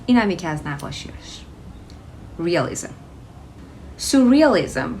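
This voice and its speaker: A woman's voice: on the low side, big pitch swings, a little mellow, a little hiss or hum. Persian-speaking woman teaching English words. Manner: switches between Persian and English, slows to model pronunciation. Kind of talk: vocabulary lesson.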